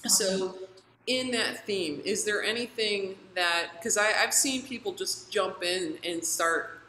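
A woman with a bright, forward voice, interviewing her guests and reflecting back on what they share in an affirming way. She often ends her thoughts with "right?". The room is echoey and has a faint hiss behind her. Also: medium pitch, slow pace. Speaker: interviewer and sound healer. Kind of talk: conversational interview.

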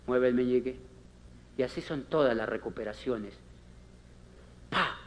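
A man's voice: unhurried, slight background noise. A man giving a conference talk as a motivational speaker, theatrical and emphatic, repeating phrases and acting out little scenes. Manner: theatrical, acts out characters with big pitch swings; repetitive, emphatic.

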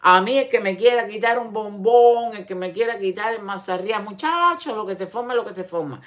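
A woman's voice: medium pitch, fairly even intonation, brisk. An older woman with a Cuban accent hosting an online show, chatting casually, teasing and talking straight to the viewer. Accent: Cuban Spanish. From Cuba. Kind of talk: casual commentary chat.

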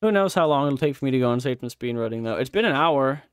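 A man's voice: medium pitch, lively intonation, fast, smooth, no echo. A young man live-streaming a game, chatting casually with viewers, swearing and laughing as he plays. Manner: swears and laughs often, reacts loudly to gameplay.

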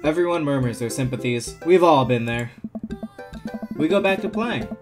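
A man hosting a gameplay video, reading a dating-sim script aloud with lively, chuckling reads of the lines. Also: on the high side, normal speed. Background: game music.

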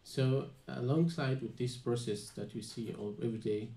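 A young adult man from Gaza, Palestine, a student on a panel, tells his personal account at a normal pace. His mellow, medium-pitched voice stays fairly even, yet his delivery is hesitant and riddled with fillers and restarts, echoing in a small, dim space before a live crowd.

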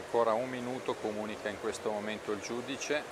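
A man with an Italian accent calls a freediving event in a calm, explanatory way, pointing out technique as the athletes swim. His voice sits low and stays flat. Loud pool noise washes under everything. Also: fast. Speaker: sports commentator. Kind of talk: live sports commentary. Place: indoor swimming pool.

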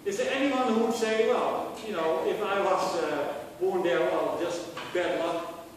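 A middle-aged man with a Dutch accent teaches a university class, throwing rhetorical questions at his students and often stopping to restart his phrases. His voice sits high for a man. It reaches the mic from across a large lecture hall, with long reverb. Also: measured pace, slight background noise. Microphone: far camera. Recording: echoey hall recorded from far off.

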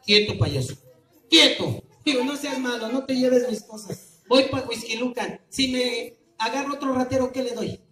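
A man with a Mexican accent performing as a street clown, teasing and calling loudly to an outdoor crowd. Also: extremely high pitch, fairly even intonation, moderate pace, few pauses. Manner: loud, teasing, calling out to the audience. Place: outdoor public square. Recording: echoey, distant and noisy.

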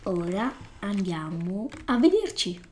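A woman's voice: mid-range voice, sing-song, slow, a little hiss or hum. A woman doing playful Let's Play commentary, exclaiming at the game and scolding the creatures in it. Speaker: gaming YouTuber.

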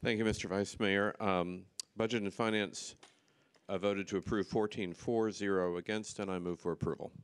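A councilman giving a brief committee report in a halting way from the chamber floor. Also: fairly low pitch, fairly even intonation, clear, resonant tone. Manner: halting, hesitant with fillers. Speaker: budget committee chair.

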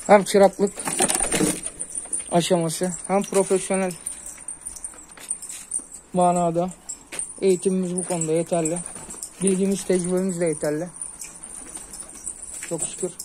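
With a high-pitched, level voice, he talks a little slowly and pauses often, and the recording is rough. He's a pigeon keeper filming on a rooftop by phone, earnestly advising his audience in casual vlog fashion while softly hissing to call his birds.

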